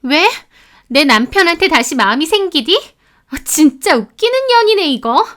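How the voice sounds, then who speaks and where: Lady doing a shrieky nasty young mistress, loud and high, super smooth clean voice. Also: expressive, a little slow. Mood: shrieking. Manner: shrill, yelling insults. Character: shrill spiteful young mistress, screaming.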